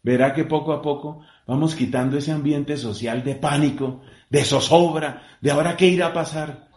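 A man, a priest, talks with lively preacherly emphasis in a slightly raised voice. The sound rings in an echoey room. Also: on the high side, normal speed. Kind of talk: answering questions in a radio-style talk.

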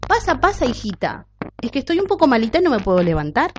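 A woman's voice: high voice, big pitch swings, fast talker, slight background noise, voice pushed up. Woman doing a frail sickly granny. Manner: weak, fond. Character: frail, sickly old grandmother. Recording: dull lo-fi recording.

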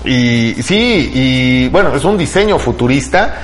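A middle-aged podcast host with a Mexican accent speaks unhurriedly in a medium-pitched voice with lively intonation. Backed by music and a little hiss or hum, he chats colloquially about tech news and often ends remarks with tag questions seeking agreement.

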